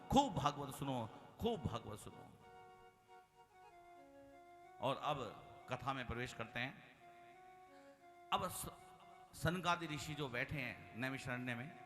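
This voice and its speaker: Animated male preacher in a reverberant hall. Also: fairly high pitch. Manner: animated, with sudden loud calls and chanted Sanskrit verses. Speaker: Bhagavata katha preacher. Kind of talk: devotional sermon. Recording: long hall reverb with faint music.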